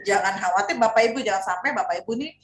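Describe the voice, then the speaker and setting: A middle-aged woman tells parenting stories on a panel, quick and animated, with frequent fillers. Her voice rings in an echoey room. A faint ambient hum sits behind her. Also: medium pitch. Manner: animated storytelling with many fillers. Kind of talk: casual panel discussion.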